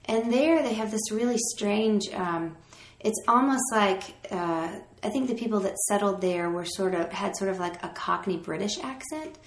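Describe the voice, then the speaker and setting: A woman from Virginia, a singer talking as a guest in a casual interview, relaxed and reflective with plenty of fillers. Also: mid-range voice, normal speed, reverberant.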